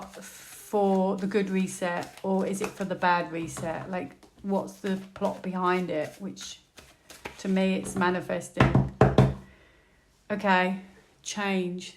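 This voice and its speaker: Woman, tarot vlogger: chatty and thinks out loud, prone to excited squeals. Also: mid-range voice, slight background noise. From United Kingdom. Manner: chatty, thinks aloud while drawing cards, with frequent fillers; bursts into excited squeals and laughter. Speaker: tarot reader. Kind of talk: tarot reading vlog.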